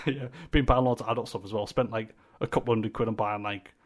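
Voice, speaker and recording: Young man, slightly low voice, laid-back, rambling, casual podcast chat. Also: fairly even intonation, fairly quick. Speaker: podcast co-host.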